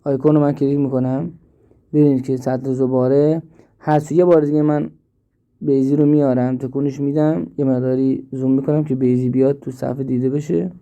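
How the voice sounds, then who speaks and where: A man teaching an app step by step, slowly and with repeats, in a screen-recorded tutorial. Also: mid-range voice, little pitch movement, warm tone, lo-fi sound. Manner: slow step-by-step explaining, repeats himself. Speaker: instructor.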